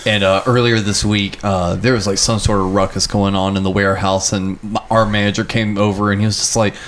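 A man co-hosting a podcast in a relaxed chat, asking follow-up questions and laughing at his own stories. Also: fairly low pitch, a little fast, a little hiss or hum. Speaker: podcast co-host. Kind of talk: casual chat.

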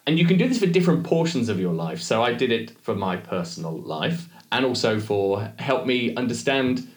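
A man's voice: medium pitch, big pitch swings, normal speed. Chatty man in an echoey room. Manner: chatty, jokey, digressive. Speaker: podcast co-host. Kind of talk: casual chat. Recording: roomy echo.

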